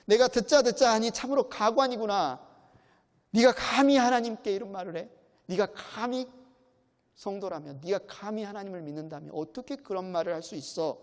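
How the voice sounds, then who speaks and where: A man voicing an indignant male friend who scolds a suffering man out of rigid piety, with a sharp rebuking tone. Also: high voice, brisk, big-room sound. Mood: scolding.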